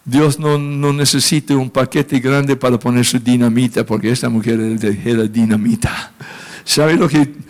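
A man, a pastor, preaching a testimony, speaking emotionally and lifting his voice high when he acts out his own prayers. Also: steady tone, moderate pace, a little mellow. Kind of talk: sermon testimony.

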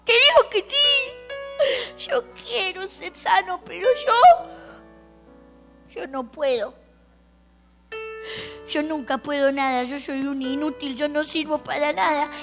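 A woman voicing a miserable, bearded grown man who talks in a loud, tearful, pleading way. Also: high voice, takes it slowly, gravelly, long pauses, soft background music, exaggerated voice. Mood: despairing.

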